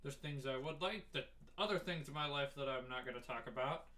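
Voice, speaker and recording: A young man chats alone as a podcast host, with a bright, forward voice at an average male pitch. His mouth is sore and numb from having teeth pulled, and he talks through it in a casual, rambling way, often halting and starting over. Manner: talking with a sore, numb mouth after wisdom tooth surgery. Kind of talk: casual solo podcast chat.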